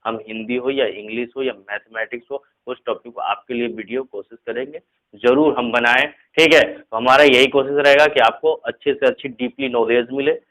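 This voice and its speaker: A man teaching a casual spoken lesson. He explains slowly with repeated examples, mixes in English words, and keeps checking in with "theek hai". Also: medium pitch, steady tone, fairly bright tone, low-quality recording.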